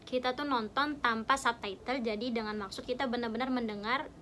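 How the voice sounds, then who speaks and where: Young woman, fairly high voice, eager slangy sidekick, faint background noise. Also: fairly even intonation, fairly quick, bright, forceful tone. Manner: eager, slangy, sums things up. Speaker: co-host asking questions. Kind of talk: casual chat.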